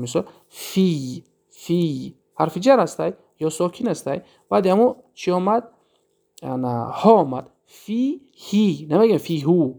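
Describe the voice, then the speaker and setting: A man's voice: fairly high pitch, gravelly, a little mellow. A man with a Tajik accent teaching an Arabic grammar lesson, explaining step by step, asking and answering his own questions, and drawing out the Arabic examples. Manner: drawn-out chanting of Arabic examples.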